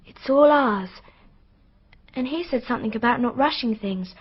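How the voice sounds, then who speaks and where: In a radio drama, a young girl witness haunted by what she saw recounts it in a high, breathy voice, earnest and hesitant as though confiding a secret. Her intonation is lively and her pace moderate, and the recording sounds dull and muffled.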